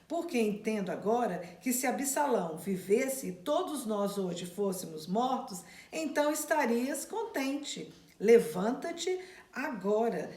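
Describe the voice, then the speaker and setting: A woman's voice: fairly high pitch, a little mellow, roomy sound. A woman who reads scripture aloud and then retells it in plain, casual words to her class. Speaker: Bible study teacher. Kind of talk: Bible reading and teaching.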